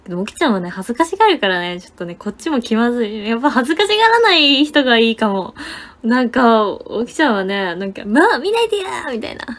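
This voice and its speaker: A young woman telling a story in casual livestream chat, animated and laughing often, with lots of fillers. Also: on the high side, fast talker. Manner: chatty, many fillers and gesturing words. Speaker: idol livestreamer.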